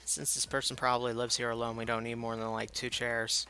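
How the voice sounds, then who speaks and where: A man's voice: medium pitch, completely flat delivery, a little fast, pushed and bright, slight background noise. A tired man chatting casually with his viewers during a live game stream, rambling and poking fun at himself. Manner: chatty, rambling, self-mocking, talks to chat.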